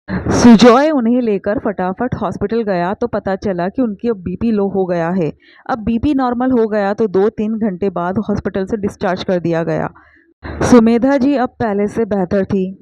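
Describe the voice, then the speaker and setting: A woman narrating a scripted family story in a steady, even storytelling voice on a dull lo-fi recording. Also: mid-range voice, dry recording.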